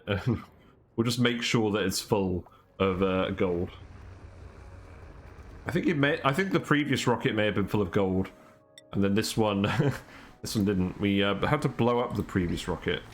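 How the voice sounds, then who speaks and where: Chatting casually as he plays, a man rambles and thinks aloud with fillers and light laughter, taking long pauses between thoughts. His voice is on the low side at a moderate pace, and soft music plays in the background.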